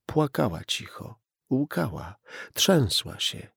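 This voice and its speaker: Gravelly, slow male audiobook narrator. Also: medium pitch, sing-song, dry recording, studio quality. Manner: measured, tense.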